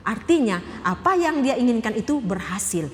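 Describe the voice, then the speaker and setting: A woman's voice: fairly high pitch, very animated, normal speed, in a large hall. A woman pastor giving a sermon. She speaks emphatically, asks the congregation questions and repeats key phrases.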